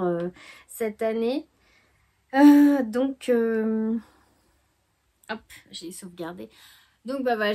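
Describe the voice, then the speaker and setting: A woman's voice: fairly high pitch, a little mellow. Chatty, hesitant woman knitting vlogger. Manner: chatty and hesitant, many fillers. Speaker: knitting podcast host. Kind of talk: casual chat.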